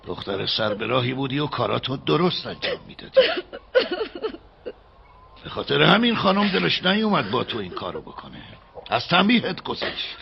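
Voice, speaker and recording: An actor dubbing a stern estate master who lectures a maid in a condescending way. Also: male voice, mid-range voice, very animated, creaky. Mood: lecturing. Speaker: dub actor. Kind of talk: dubbed period drama. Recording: dull muffled audio with faint hiss.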